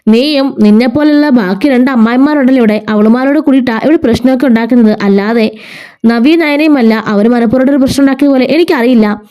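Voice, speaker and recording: A woman's voice: high-pitched, fast, dark tone. A woman storyteller casually retelling a family serial story, chatty and adding little tag words as she goes.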